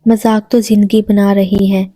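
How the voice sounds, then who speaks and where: A woman voicing a quiet, sensitive young man of few words, heartbroken over a past love. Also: medium pitch, little pitch movement, no echo, soft background music, lightly acted. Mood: reserved.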